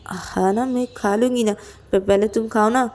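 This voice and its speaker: A woman's voice: medium pitch, steady tone, moderate pace, a little mellow, pitched above the performer's own voice, close to an everyday voice. A woman voicing a young woman who pleads with her lover to eat, repeating her words over and over. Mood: coaxing.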